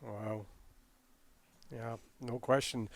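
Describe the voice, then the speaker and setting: A man's voice: mid-range voice, steady tone, extremely slow, no room sound. A man co-hosting sports radio, asking long rambling questions. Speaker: radio co-host.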